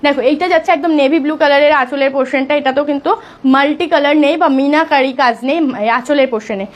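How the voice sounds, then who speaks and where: A woman selling sarees on a live stream, talking softly because of a sore throat and urging viewers to book fast. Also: high voice. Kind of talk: live sales pitch.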